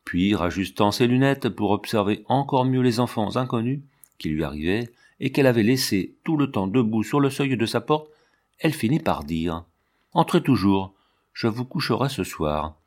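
A man narrating a storybook aloud in a measured, even reading voice. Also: mid-range voice. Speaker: audiobook reader.

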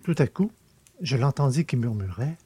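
A man reading a classic novel aloud as an audiobook narrator, in a measured literary manner. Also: mid-range voice, animated, noisy background.

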